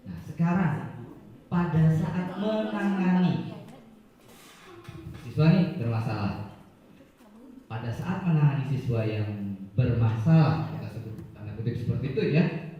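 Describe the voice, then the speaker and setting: A male teacher, leading a workshop for fellow teachers and explaining step by step with short acted-out examples. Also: fairly high pitch. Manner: explains step by step, acts out short scenes, chuckles often. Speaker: teacher leading a training session. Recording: very echoey room, dull lo-fi sound.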